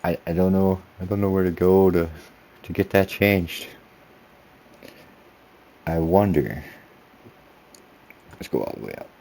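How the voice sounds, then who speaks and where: A man's voice: extremely low pitch, a little mellow. A man giving casual, rambling commentary to himself while playing a racing game. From United States. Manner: rambling self-talk while driving, easygoing. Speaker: sim racing video creator.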